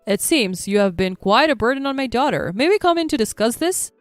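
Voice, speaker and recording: A woman's voice: a little high, lively intonation, fairly quick, no echo, faint music behind, close to an everyday voice. A woman voicing a stern, protective father in a storybook reading, who speaks firmly and formally.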